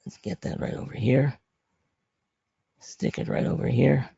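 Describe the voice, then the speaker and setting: Raspy, gravelly hoarse man teaching. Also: mid-range voice, measured pace, dark tone, dry recording. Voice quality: raspy, papery, breathy voice. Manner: plain-spoken, step-by-step, conversational. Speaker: trading instructor presenting a webinar. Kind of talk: informal slide presentation. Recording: dry, muffled lo-fi audio.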